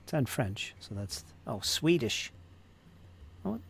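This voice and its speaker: Slow and sing-song, this man's mid-range voice carries vocal fry and a breathy edge. He is a channel host painting miniatures, keeping the chat light and humorous while he muses about how words are pronounced.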